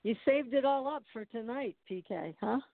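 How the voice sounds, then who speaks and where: A woman's voice: fairly high pitch, lively intonation, moderate pace, gravelly. A woman hosting a radio show, making announcements in an informal, effusive, conversational way. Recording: dry, narrow phone-like sound.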